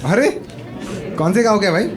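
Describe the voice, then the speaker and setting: With a high-pitched, expressive, unhurried voice, a comedian from Maharashtra, India, tells a story chattily and questions the crowd from a comedy club stage. Faint music plays behind him, along with audience laughter.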